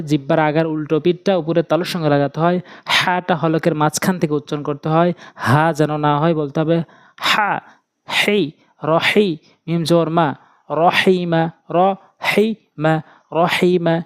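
A man's voice: fairly high pitch, dry recording, studio quality. A man teaching Quran reading, who spells letters syllable by syllable, repeats the joined words, and explains how to place the tongue and throat for each sound. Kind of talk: slow spelling and pronunciation lesson.

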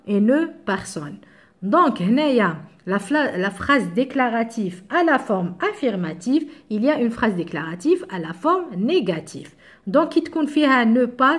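A woman with an Algerian accent teaching French grammar to middle-school students, explaining step by step with examples and switching into Arabic to clarify. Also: fairly high pitch.

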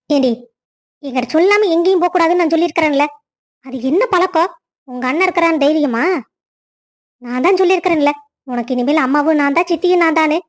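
A woman's voice: high voice, lightly acted. A woman voicing a harsh, spiteful cartoon stepmother. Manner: harsh, taunting, bossy. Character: scolding, spiteful stepmother, middle-aged. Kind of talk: cartoon story voice acting.

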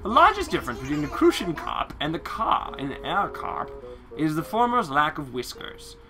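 A woman's voice: low voice, wildly swooping pitch, moderate pace. A woman reading out a fussy old owl curator. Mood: lecturing. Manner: reading stiff game text aloud, stumbling. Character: fussy male owl museum curator, lecturing. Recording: game music playing behind.

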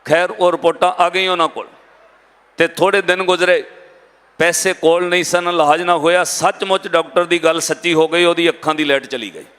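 A man's voice: fairly high pitch, fairly even intonation, a little fast, fairly bright tone, smooth. Punjabi preacher man, dramatic storytelling sermon to the congregation, long echo from a big hall. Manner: dramatic, addresses the congregation directly. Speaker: Sikh katha preacher. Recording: reverberant hall.

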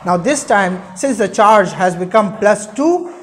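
A man's voice: high-pitched, expressive, unhurried, a little hiss or hum. A man in his twenties with a Pakistani accent lectures at a whiteboard, explaining emphatically and repeating key terms. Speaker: chemistry teacher. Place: indoor room at a whiteboard. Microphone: lapel mic.

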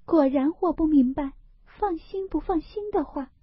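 A woman voicing a frail, sensitive young noblewoman from a classic novel, breathy and high, plaintive or quick and teasing. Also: no room sound, lightly acted. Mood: teasing retort. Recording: dull, lo-fi, dry recording.

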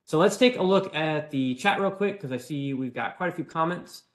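A man's voice: fairly high pitch, normal speed. Young man, casual cooking-demo host, friendly and chatty, recorded in a small home kitchen. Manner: friendly, chatty, answers viewer questions. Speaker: cooking demonstrator. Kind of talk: live cooking demonstration. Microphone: fixed camera at medium distance.

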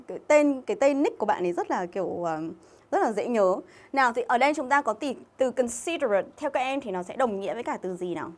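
A woman's voice: on the high side, expressive, fast talker. A young woman from Vietnam teaching an English exam-review lesson on a livestream, chatting and reading out viewers' names and comments.

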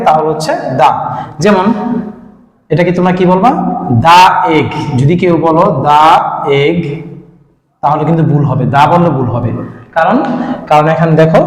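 A man's voice: a little high, darkish tone. A man teaching an English grammar lesson. He explains step by step and keeps checking that the students follow. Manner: explains step by step, often asks "ঠিক আছে?". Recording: echoey room with long reverb.

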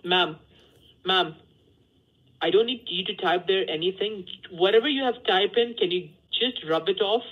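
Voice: mid-range voice, moderate pace, slightly rough. Tech support phone agent, polite formal address, insistent, repetitive instructions, muffled lo-fi call audio.

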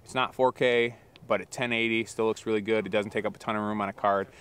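A young man in snowy woods giving a relaxed, practical explanation on camera, with frequent fillers. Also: on the low side, fast, clear, resonant tone. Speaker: outdoor show presenter.

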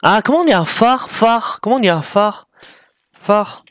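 A man talking through a game slowly, his pitch bouncing up and down as he thinks aloud. He mocks himself and apologizes a lot, in a casual, chatty way. The sound is dry and close, with no room echo. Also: lively intonation, a bit bright. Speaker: gaming YouTuber. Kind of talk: casual gameplay commentary.

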